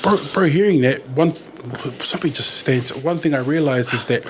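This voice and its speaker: A man's voice: fairly high pitch, background noise. Reflective New man, candid and searching. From New Zealand. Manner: thoughtful, candid, slow to find words. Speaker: podcast guest, community worker. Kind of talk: reflective interview conversation.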